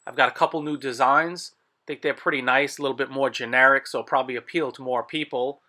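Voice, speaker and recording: A man's voice: medium pitch, steady tone, fairly quick, sharp tone. A man narrating a product showcase as a video host, explaining details in a matter-of-fact way. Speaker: blacksmith video host selling tools.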